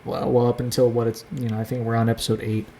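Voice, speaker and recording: A man's voice: medium pitch, little pitch movement, quick pace, mellow, slight background noise. Rambling young man hosting a casual chat. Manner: rambling, hesitant with many fillers and restarts. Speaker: host.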